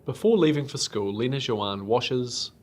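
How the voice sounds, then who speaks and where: A man giving calm, measured scripted narration for an educational documentary. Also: medium pitch.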